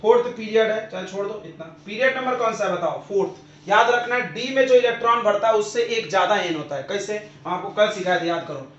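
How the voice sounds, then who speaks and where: A man's voice: sits high, brisk, a bit bright. A man who is a chemistry teacher, giving a classroom lecture and drilling his students with repeated questions and answers. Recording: roomy, dull lo-fi classroom recording.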